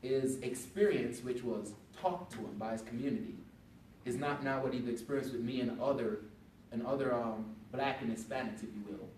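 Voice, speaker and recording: A man on a veterans panel, telling a story in a casual way and getting animated when he quotes people. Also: medium pitch, moderate pace, slight background noise. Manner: conversational, animated when quoting others. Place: event hall. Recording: echoey room from a distance.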